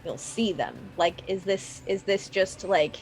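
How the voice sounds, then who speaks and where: A woman's voice: on the low side, animated, unhurried, faint music behind. A woman running a tabletop game as game master, talking casually and loosely with filler words.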